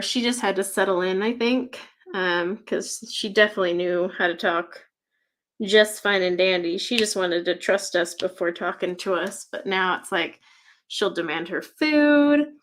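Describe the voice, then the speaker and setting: A woman's voice: mid-range voice, fairly bright tone. A woman talks casually on a livestream as she works with her hands. Her chat rambles, full of fillers and light laughter. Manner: chatty, rambling, laughs often; many fillers like "like" and "um". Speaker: livestream host. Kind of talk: casual chat while crafting.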